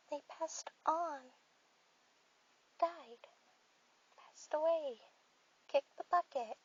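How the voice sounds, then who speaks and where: Woman voicing a high-pitched, shy little catgirl kitten, ASMR role-play. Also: dull audio, slight background noise. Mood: hesitant, sad. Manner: hesitant, halting, cutesy little-girl delivery. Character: shy young orphaned catgirl, childlike cat folk kitten.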